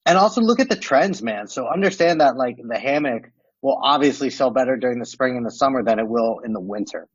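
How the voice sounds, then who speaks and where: This man has a medium-pitched, slightly rough voice with lively intonation, speaking fairly quickly in a dry, lo-fi recording. His accent blends American and Romanian. He's a podcast guest expert showing software, loosely narrating the screen in a casual way with lots of fillers like "like" and "um."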